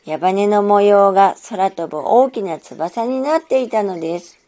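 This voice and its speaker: A woman narrating a children's story in a gentle, measured storytelling manner. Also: mid-range voice.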